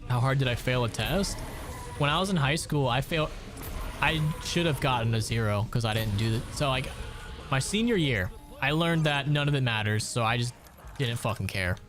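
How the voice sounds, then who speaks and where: A man's voice: mid-range voice, expressive, normal speed, over music. A man in his late twenties from Ohio, chatting casually and profanely while gaming on a stream. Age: late 20s. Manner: rambling, profane storytelling.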